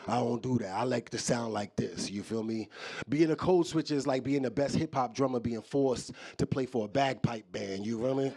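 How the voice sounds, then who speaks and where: A man's voice: mid-range voice, normal speed, mellow. A man from New performing a live stand-up set, talking loosely and straight to the crowd. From New York. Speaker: stand-up comedian. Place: live comedy show in an office building.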